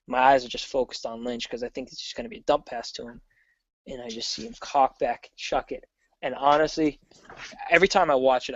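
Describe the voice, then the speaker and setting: A man chatting casually as a guest, an excitable fan who rambles and restarts often, heard over a dull remote call. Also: medium pitch, gravelly, no echo. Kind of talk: casual sports chat.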